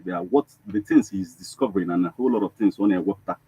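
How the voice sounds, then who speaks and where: A man's voice: low voice, quick pace, creaky, husky, no echo. A man with a Nigerian Igbo accent hosting a radio talk show, mixing English and Igbo and addressing others as "my brother". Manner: warm, welcoming, uses 'my brother'. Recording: dull lo-fi radio audio.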